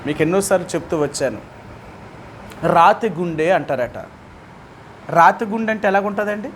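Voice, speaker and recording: A man's voice: sits high, animated, moderate pace, a little hiss or hum. A man with a Telugu accent leading a Bible study as pastor, who keeps putting questions to his listeners and speaks with emphasis.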